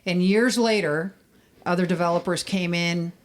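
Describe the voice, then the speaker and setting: A woman's voice: lowish voice, steady tone, normal speed. A woman co-hosting a true-crime podcast, telling stories in a chatty, casual way with fillers. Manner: chatty storyteller, frequent fillers. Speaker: podcast co-host.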